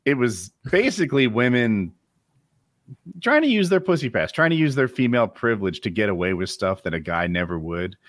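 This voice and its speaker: A man's voice: mid-range voice, very animated, a little fast, a bit bright, dry recording, studio quality. A man in casual chat, talking bluntly and jokingly.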